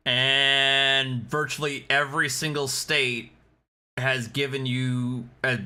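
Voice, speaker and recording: A man's voice: medium pitch, flat delivery, takes it slowly, pushed and bright. A man giving casual, mocking reaction commentary as a host. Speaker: host reacting to video clips.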